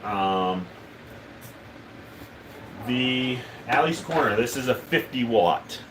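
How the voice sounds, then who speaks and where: A man's voice: mid-range voice, slow, a little hiss or hum. A man hosting a live stream, talking casually and rambling with lots of ums as he reads chat. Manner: relaxed, rambling, many ums and uhs. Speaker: livestream host.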